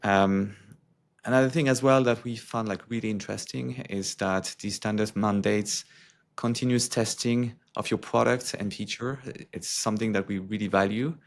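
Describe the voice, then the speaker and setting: A security executive answers interview questions haltingly, with lots of fillers. His voice is on the low side, with fairly even intonation and vocal fry.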